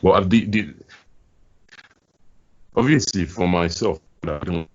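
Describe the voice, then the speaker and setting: A man's voice: low voice, takes it slowly. A young man co-hosting a podcast in casual chat, hesitant, repeating words and laughing often. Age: young adult. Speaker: podcast co-host. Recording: dull lo-fi podcast audio.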